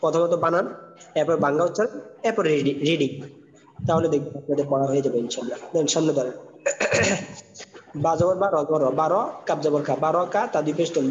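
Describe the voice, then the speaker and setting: A man teaching a Quran recitation lesson, spelling out words syllable by syllable in slow drills, recorded with dull, lo-fi sound and a long reverb. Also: on the high side, a little mellow.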